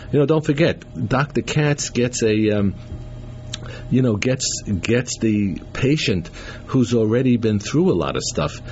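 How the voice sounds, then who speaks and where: A man hosting a radio show, talking in a halting way with many fillers and restarts, taped off the radio. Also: fairly low pitch, a little mellow. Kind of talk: casual on-air talk with a caller. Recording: lo-fi radio tape with faint hiss.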